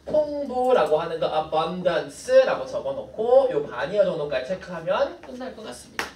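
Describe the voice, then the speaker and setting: A woman teaching an English vocabulary class, explaining each word briskly and adding playful asides to her students. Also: fairly low pitch, sing-song, a little mellow, slight background noise. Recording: echoey classroom from far off.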